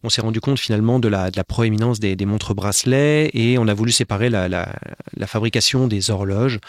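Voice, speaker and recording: A man's voice: fairly low pitch, fairly quick, dry recording, studio quality. A man in casual podcast conversation, explaining watch history with many fillers and restarts. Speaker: podcast guest, watch specialist.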